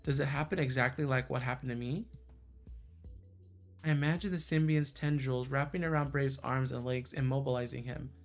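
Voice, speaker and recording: A man livestreams himself reading a visual novel aloud in a narrating style, with background music behind his voice. His pitch is medium, his tone steady, and his speed normal.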